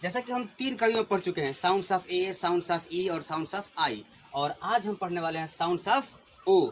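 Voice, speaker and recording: A man's voice: high-pitched, unhurried, bright, forceful tone, a little hiss or hum. A man teaching children English pronunciation in a patient classroom lesson, asking questions and stressing each example word.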